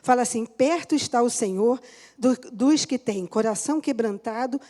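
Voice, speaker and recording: A woman pastor with a high voice preaches a sermon in a church. She is middle-aged and shares a personal testimony, speaking straight to the congregation and laughing often. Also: moderate pace, mellow.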